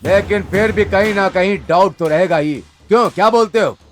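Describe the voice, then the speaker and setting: A man voices a cautious gang member with a fairly high voice, weighing the risks in measured tones. Light film music runs under the dub. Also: natural voice.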